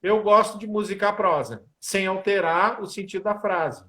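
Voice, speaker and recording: Animated man, composer. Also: sits high, moderate pace. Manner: animated storyteller, sings snippets of lyrics. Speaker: musician and composer. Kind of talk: casual interview talk.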